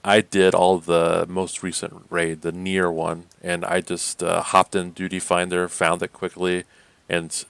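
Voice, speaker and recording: A man co-hosting a podcast, chatting casually about games in a rambling way, full of fillers and quick laughs. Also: deep voice, creaky, a bit bright, clear, resonant tone, dry recording. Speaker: podcast co-host. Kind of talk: casual gaming chat.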